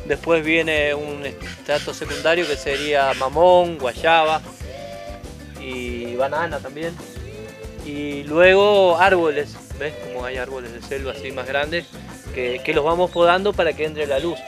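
A slightly high, unhurried male voice with an Argentine Spanish accent belongs to a nature guide in his forties. He explains plants patiently with many hesitations, recorded on a forest trail through a lapel mic while music plays in the background.

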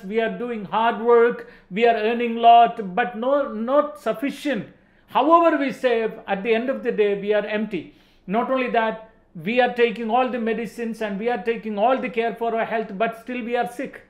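In an indoor studio set, a man in his forties with an Indian accent delivers an emphatic, motivational religious sermon. His voice is very high-pitched, and he repeats phrases for stress. The room sounds echoey.

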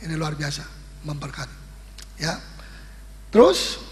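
A male pastor preaching a sermon in a lively, teasing way, often putting questions to the congregation. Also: on the high side, measured pace, a little hiss or hum. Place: church hall. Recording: echoey hall recording.

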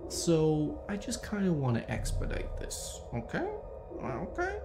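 Man playing a creaky, shifty reformed criminal. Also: a little high, full character voice. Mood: deadpan, pleading. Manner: deadpan, insistent, halting, self-justifying. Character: shifty self-excusing criminal man pleading to become a cop. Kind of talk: character monologue to camera. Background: clear music.

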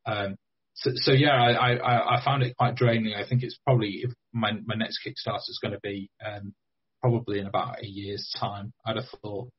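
Husky-voiced man, hesitant. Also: fairly low pitch, little pitch movement, moderate pace. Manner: hesitant, many ums and restarts. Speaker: game creator, podcast guest. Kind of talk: casual interview chat. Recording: dull lo-fi remote audio.

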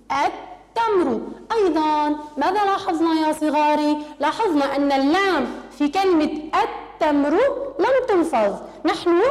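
High-pitched woman teaching children in a reverberant room. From Lebanon. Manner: patient, addresses pupils warmly as little ones, slow drawn-out demonstration words. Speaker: primary school Arabic teacher. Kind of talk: teaching a recorded lesson to children.

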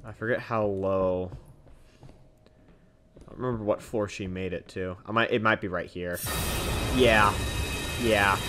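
A man's voice: fairly low pitch, fairly even intonation, slow pace, long pauses, noisy background. A young man casually commenting on a game as its host, joking and self-deprecating. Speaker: gamer host. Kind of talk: casual let's-play commentary.

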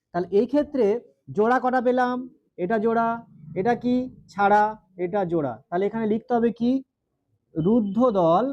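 In a muffled recording, a male teacher with a very high-pitched voice gives a grammar lesson in a West Bengal Bengali accent. He drills students with questions and stretches out his syllables.

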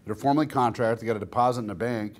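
A man hosting a live panel debate in a large room, pressing his points and cutting in often. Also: medium pitch. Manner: fast, pressing, interrupts. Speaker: event host.

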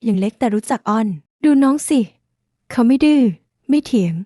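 A stern mother in a storybook tale barks curt orders and cutting comparisons, as a woman puts her on. The voice sits a bit high and sounds mellow, recorded close and dry. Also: normal speed, dry recording, natural voice. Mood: scolding. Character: stern, favouring mother of two children.

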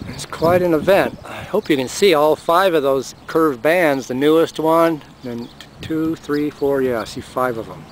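A man's voice: on the high side, measured pace, hardly any pauses. A man filming the sky outdoors, giving a casual, amused running commentary into his handheld camera's microphone. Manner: amused, chatty, pointing things out. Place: outdoors, by the road and in a car. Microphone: handheld camera mic. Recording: noisy outdoor camera audio. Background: traffic and outdoor noise.

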